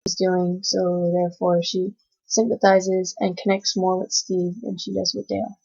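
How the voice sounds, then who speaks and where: In a dull lo-fi recording, a young woman student gives an oral class presentation, hesitating frequently as she reads her notes. She's American, raised speaking Cantonese first, and her voice sits on the low side, gravelly and darkish with a breathy edge, delivered flatly at normal speed.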